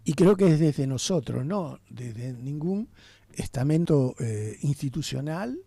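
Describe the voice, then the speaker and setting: A man's voice: on the high side, lively intonation, slow, gravelly, mellow, breathy edge, no room sound. A man, a guest in a radio interview, talking passionately and often checking in with his listener. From Argentina. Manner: passionate, talks with rhetorical tags.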